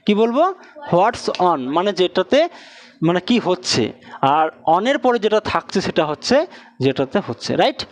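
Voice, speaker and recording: A man who speaks Bengali natively, teaching English in a slow, repetitive classroom drill, often quizzing with questions. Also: sits high, big pitch swings. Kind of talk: classroom lesson with repeated drills.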